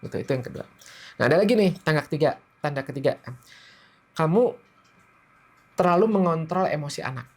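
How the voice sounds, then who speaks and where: A man, calmly explaining things step by step as the guest expert on a podcast. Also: a little high, a little fast, pauses often. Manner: calm, explains in steps with everyday analogies.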